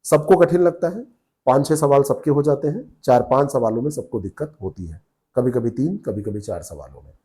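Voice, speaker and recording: A man's voice: mid-range voice, lively intonation, brisk, dark tone. A man teaching an exam-prep lesson, asking questions and answering them himself, checking in with his listeners often.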